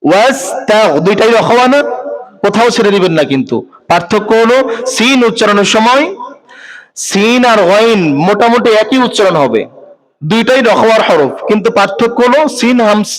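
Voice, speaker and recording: A man's voice: high voice, fairly quick, poor audio. A man teaching Quran recitation rules in Bengali, explaining step by step and putting questions to his students. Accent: Bangladeshi Bengali. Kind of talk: tajweed lesson, spoken explanation.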